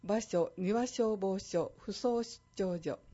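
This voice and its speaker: A woman reads a fire safety announcement in a measured, even way. Her voice is warm and mellow, and the recording sounds a little dull and lo-fi. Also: mid-range voice. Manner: clear, measured reading of safety tips. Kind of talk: scripted public service announcement.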